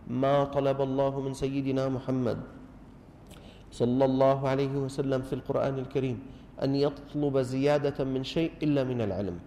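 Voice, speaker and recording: Gravelly Damascene man teaching in a hall. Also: medium pitch, a little fast, slight background noise. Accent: Damascene Arabic. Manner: animated, rhetorical questions, teasing mimicry. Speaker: religious teacher. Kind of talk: mosque lesson to a gathering. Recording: long hall reverb.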